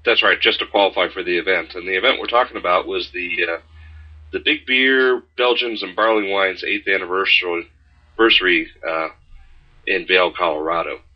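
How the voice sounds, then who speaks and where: Deep husky man chatting casually. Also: fairly even intonation, fairly quick, highs cut off. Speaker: podcast co-host. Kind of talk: casual chat.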